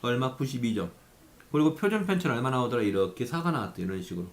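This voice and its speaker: A man's voice: mid-range voice, sing-song, fast talker. A man teaching a math lesson who keeps asking questions and answering them himself, sometimes speaking as his students. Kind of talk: lively lecture at a whiteboard.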